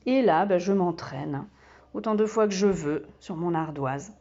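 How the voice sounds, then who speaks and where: A woman who teaches kindergarten, giving a slow and patient step-by-step demonstration full of small fillers. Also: lowish voice, lively intonation, mellow, lo-fi sound, slight background noise.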